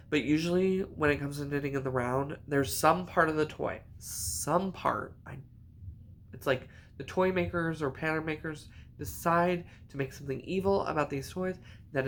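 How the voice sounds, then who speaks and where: Man, very creaky gravelly voice, unhurried, rambling chatty knitting vlog, faint hum behind. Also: a little high, fairly bright tone. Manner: rambling, chatty, self-correcting. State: hiccups. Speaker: knitting vlogger. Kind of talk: casual chat.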